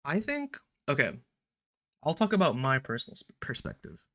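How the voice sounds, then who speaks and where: Bright-voiced young male podcast host. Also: on the high side, moderate pace. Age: young adult. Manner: relaxed, rambling, filler-heavy, recites a prayer. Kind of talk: casual podcast chat.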